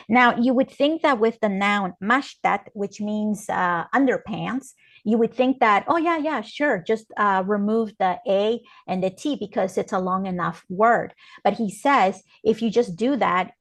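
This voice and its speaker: Woman going over grammar examples real slow and careful, mid-pitch voice. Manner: slow, careful step-by-step explanation. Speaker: interpreter and co-teacher. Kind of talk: classroom lesson explaining grammar.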